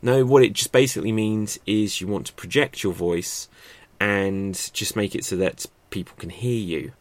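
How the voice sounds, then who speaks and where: Speaking into a podcast microphone, a man hosts a show where he explains improv stagecraft in unscripted, chatty fashion, thinking aloud with fillers and restarts. His voice is fairly low and moves at normal speed, and the recording is dry.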